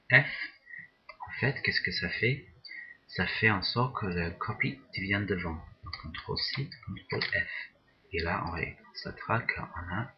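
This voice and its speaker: Slow deep-voiced man explaining software. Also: muffled recording. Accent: non-native English pronunciation. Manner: slow, hesitant, repeats words while working. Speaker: software tutorial instructor. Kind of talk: screen-recorded software tutorial.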